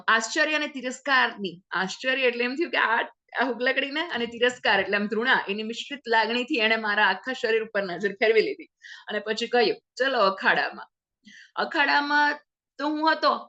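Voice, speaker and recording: A woman teacher reading a story aloud and explaining each phrase in simpler words, briefly acting out the characters' lines. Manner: lively, acts out the characters' lines with sudden pitch jumps. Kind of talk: explaining a textbook lesson. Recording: dull lo-fi sound.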